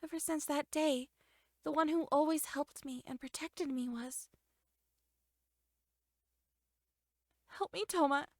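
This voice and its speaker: A woman voicing a shy, earnest young heroine in a game, speaking in a soft, wistful way. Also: sits high, steady tone, moderate pace, no echo, clean studio sound. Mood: uneasy. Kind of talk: game dialogue voice acting.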